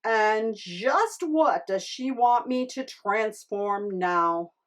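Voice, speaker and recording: A woman voicing a solemn, wise magic fish in a storybook tale, with a grave, measured, drawn-out delivery. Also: mid-range voice, lively intonation. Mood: weary. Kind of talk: storybook character acting.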